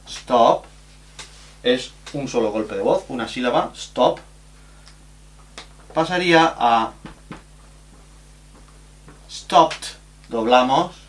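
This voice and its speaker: A male teacher walks through a grammar lesson at an unhurried, careful pace. His voice sits a little high for a man, and he spells out letters and repeats examples one by one.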